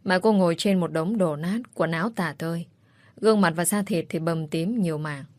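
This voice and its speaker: A woman narrating a dramatic story in a steady storytelling voice. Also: lowish voice, moderate pace, no echo.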